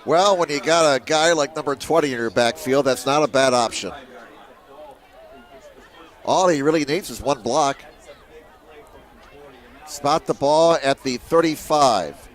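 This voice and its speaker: Man calling high school football play-by-play. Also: a little slow, long pauses, some chatter behind. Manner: steady play-calling that rises sharply on big plays. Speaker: play-by-play commentator.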